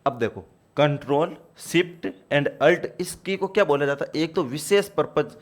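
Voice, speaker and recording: A man's voice: on the high side, moderate pace. A man teaching a computer exam-prep class, explaining step by step and repeating key points to his students.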